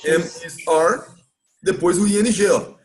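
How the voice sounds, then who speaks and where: A Brazilian man with a notably high-pitched voice leads a live English lesson. He explains patiently and drags out words slowly so that listeners can copy the pronunciation. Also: a little mellow. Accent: Brazilian Portuguese. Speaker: English teacher. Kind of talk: live online class recap.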